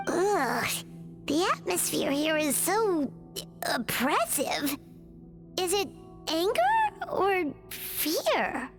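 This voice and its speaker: A woman voicing a small, childlike fairy girl companion in a video game, squeaky, expressive and easily worried. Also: drawn-out words, faint music behind, full character voice. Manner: speaks of herself in third person, expressive.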